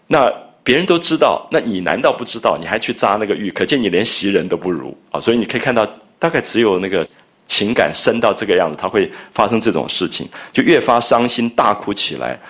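A man's voice: fairly low pitch, fairly bright tone. A man lecturing on a classic novel, explaining scenes in a conversational way and paraphrasing the characters' words with emphasis. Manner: conversational, paraphrasing and acting out quotes with rising emphasis.

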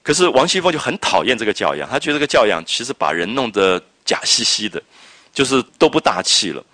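A man giving an animated classroom lecture on a classic novel, explaining and reading out quoted dialogue. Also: mid-range voice, quick pace, no echo. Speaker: literature lecturer.

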